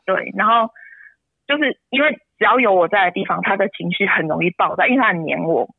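A woman's voice: fast talker, creaky, slightly rough, no echo. A woman pours out an emotional story. Her voice breaks and leaps upward when she gets upset. She sounds close and dry, squeezed through a narrow phone line. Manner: tearful, pitch jumps high when upset. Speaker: interview guest, mother. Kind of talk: emotional personal account.

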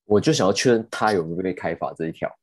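A young man, telling a story in casual podcast chat, animated and indignant, with casual swearing. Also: low-pitched, rapid-fire, no echo. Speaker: podcast host.

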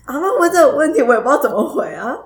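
A woman's voice: high-pitched, sing-song, rapid-fire. Giggly woman telling a story. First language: not Taiwanese Hokkien. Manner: giggly, hesitant, repeats words. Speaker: podcast co-host. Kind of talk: casual chat, storytelling.

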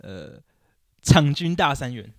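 A young podcast co-host complains animatedly about basketball in casual chat, acting out quotes. His mid-range, fairly bright voice swings widely in pitch at a slow pace, recorded in studio quality with no echo.

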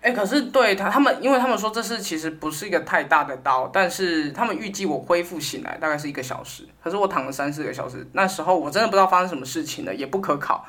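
A woman with a Taiwanese Mandarin accent, co-hosting a casual chat and telling a story with lively impressions. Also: quick pace, few pauses. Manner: animated storyteller, acts out her mother in a high voice. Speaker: podcast co-host.

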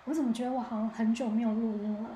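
A woman's voice: on the high side, steady tone, racing, warm tone, a little hiss or hum. A woman hosting her own podcast, telling a story about her own mishap in a candid, chatty way. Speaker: podcast host. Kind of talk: casual solo storytelling. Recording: echoey room.

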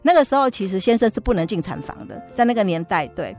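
A middle-aged woman with a Taiwanese Mandarin accent, telling a lively personal story as an interview guest. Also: medium pitch, fast, soft background music. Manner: lively storytelling, acts out quoted voices. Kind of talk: casual testimony storytelling.

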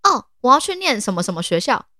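A woman's voice: on the high side, big pitch swings, fast talker, sharp tone, no echo, clean studio sound, voice pushed up, exaggerated voice. A woman putting on the voice of a startled male professor who stammers in disbelief. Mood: astonished. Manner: stammering, incredulous.

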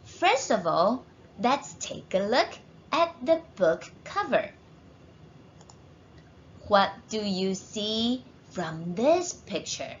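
A woman's voice: mid-range voice, sing-song, very slow, long pauses, highs cut off, slight background noise. A woman teacher reading a storybook aloud to children, encouraging them and asking questions.

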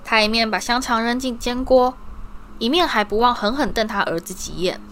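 A woman narrating a children's fantasy novel in a steady, descriptive reading voice. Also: a little high, normal speed, faint music behind. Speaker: audiobook reader. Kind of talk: storybook narration.

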